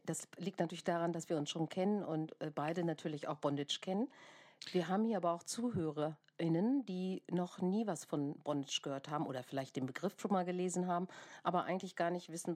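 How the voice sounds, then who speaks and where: A woman's voice: on the low side, a little mellow. A woman with a congested, snotty voice from a lingering cold, chatting casually as a podcast host.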